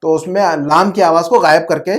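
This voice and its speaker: A teacher of Arabic, recorded over a computer mic on a video call, walking a student through pronunciation. The delivery is patient and repetitive, with frequent checks that the point is clear and English words dropped in, all at an average pitch. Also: steady tone. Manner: patient, repeats words and checks understanding often; mixes English terms into explanations. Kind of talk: online class explained in Urdu. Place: online video class.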